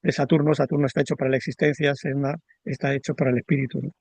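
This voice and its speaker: A man talks through ideas in a calm, measured interview voice, often pausing to repeat himself and check in with a quick tag question. His voice sits in an ordinary middle range. The recording is dry and close, with almost no room sound. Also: mid-range voice, creaky, dry recording. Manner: measured, repeats words and tags "¿no?". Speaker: astrologer. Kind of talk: reflective explanatory conversation.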